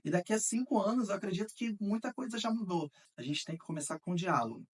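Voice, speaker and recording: A man's voice: sits high, expressive, quick pace, husky, distant mic. A man speaking in a documentary interview, thoughtful and often restarting his phrases.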